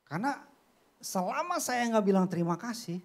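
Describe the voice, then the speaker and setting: Lively Indonesian-preaching man, swinging highs and lows. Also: normal speed. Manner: casual street slang storytelling, big swings between low murmurs and high exclamations. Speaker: pastor. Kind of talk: sermon. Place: church.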